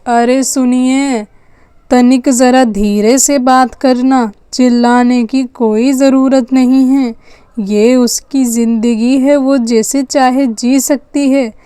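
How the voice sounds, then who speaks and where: Woman playing a gentle, soft-spoken mother. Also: high-pitched, steady tone, slow pace, smooth, no room sound. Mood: calm.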